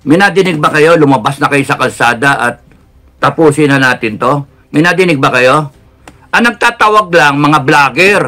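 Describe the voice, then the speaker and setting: A man with a Filipino accent giving a heated political rant, mixing Tagalog and English, swinging from loud outbursts to low, controlled intensity. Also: moderate pace. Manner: heated, swings between shouting and lowered intensity. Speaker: political commentator.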